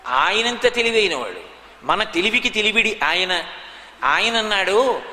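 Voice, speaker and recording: A man giving an animated devotional sermon, recounting stories emphatically, heard in an echoey hall. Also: high-pitched, a little slow, a little hiss or hum. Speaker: spiritual discourse speaker. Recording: echoey hall, long reverb.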